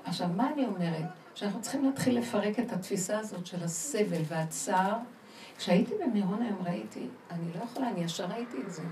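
A woman giving an animated religious lecture to a women's group, laughing often and putting emphatic questions to her listeners. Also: medium pitch. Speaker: spiritual teacher. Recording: roomy sound from far off, faint noise.

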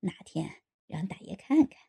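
A woman's voice: normal speed, full character voice. A woman voicing a sly, lecherous man in his late sixties in an audiobook, coaxing and insinuating. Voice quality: low gravelly voice. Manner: coaxing, insinuating, sometimes hushed. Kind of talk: audiobook character voice.

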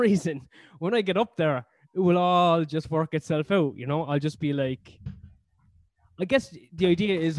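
An Irish comedian with a Cork accent tells stories as a guest in a casual interview, rambling along with plenty of fillers and offhand swearing. His voice is on the high side with a darkish tone, in a dry recording.

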